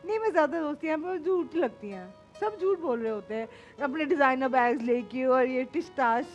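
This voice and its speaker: High-voiced blunt woman with a Pakistani Punjabi accent. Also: a little fast, lo-fi sound, faint music behind. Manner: lively and blunt, mixing English and Punjabi phrases. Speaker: guest. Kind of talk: casual interview chat.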